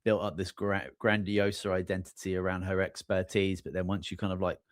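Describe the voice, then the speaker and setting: A man in his forties hosting a podcast, relaxed and friendly, with plenty of fillers. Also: low-pitched, brisk, no echo, clean studio sound. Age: 40s. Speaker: podcast host. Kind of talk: podcast conversation.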